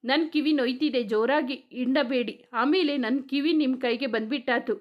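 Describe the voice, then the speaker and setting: A woman's voice: sits high, normal speed, lo-fi sound, natural voice. A woman voicing a sheepish, lovesick young man who whines dramatically in a spoken story.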